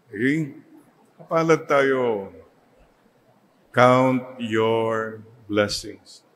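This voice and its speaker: Slow Filipino priest in a reverberant church. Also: male voice, medium pitch, slight background noise. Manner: slow, mixes Tagalog and English, leads the congregation in call-and-response. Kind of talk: sermon.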